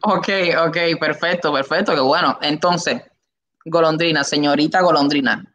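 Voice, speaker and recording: A young man with a Cuban accent hosting a live online interview, announcing with enthusiastic, drawn-out emphasis from a room on his webcam. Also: a little high, a bit bright. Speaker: host. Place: indoor room. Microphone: webcam, video call.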